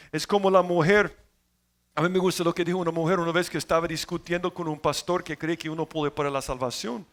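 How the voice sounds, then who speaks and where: A man preaching a sermon as pastor, telling stories and swinging between loud emphasis and quiet asides. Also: sits high.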